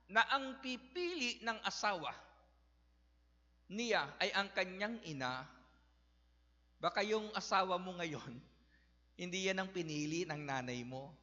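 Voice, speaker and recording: A man's voice: high voice, bright, forceful tone. A middle-aged man preaching a storytelling sermon in a folksy way, addressing the congregation as brothers and sisters. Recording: echoey hall, slightly dull sound.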